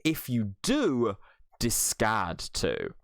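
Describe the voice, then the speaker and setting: Man, card game review, animated swooping pitch, dry close-mic sound, analytical. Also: drawn-out words, vocal fry, no room sound. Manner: analytical, with some filler restarts. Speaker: trading card game content creator.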